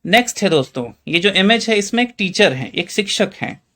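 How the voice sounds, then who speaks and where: A man with an Indian Hindi accent teaches in a chatty lesson style, his voice sitting high for a man. He keeps putting questions to the listener and calls them friends as he explains each word. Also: lively intonation, brisk, bright, forceful tone. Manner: quizzes the viewer with rhetorical questions. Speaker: English teacher.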